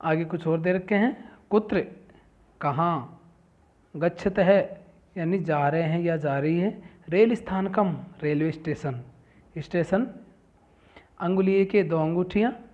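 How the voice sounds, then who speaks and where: A man gives a classroom lesson at a slow, deliberate pace, saying each word and then explaining what it means. His voice sits a little high for a man, and the sound is thin and tinny, like a phone line. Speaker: teacher.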